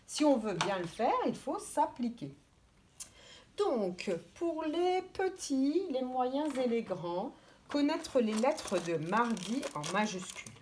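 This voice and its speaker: Female preschool teacher, slow and very melodic delivery, carefully sounding out letters for little ones. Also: sits high, sing-song, slight background noise. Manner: gently instructive, addressing children directly. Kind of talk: teaching young children remotely.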